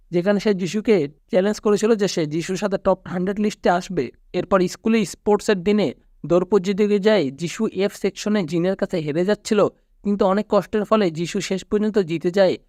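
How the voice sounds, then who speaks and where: Narrator: male, Bangladeshi Bengali accent, high voice, dry close recording, even storytelling read. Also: brisk, dry recording. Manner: steady storytelling recap, quoting characters flatly. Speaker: movie recap narrator. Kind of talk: scripted narration.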